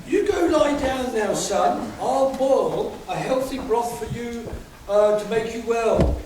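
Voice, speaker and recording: Heard from far off in a very echoey, noisy theatre, this is a shrill camp pantomime dame played by a man. The voice is high and hammy, a bawdy, doting village mother delivering comic rhymes. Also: animated, takes it slowly, exaggerated voice. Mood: fussing, hammy. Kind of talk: rhyming stage pantomime acting.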